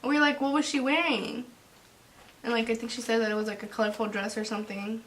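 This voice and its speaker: A young woman casually chiming in with her own ghost story on a vlog, chatty and quick to add details. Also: on the high side, steady tone, fairly bright tone. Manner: quick, chatty, adds to the other speaker's stories. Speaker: vlog co-host.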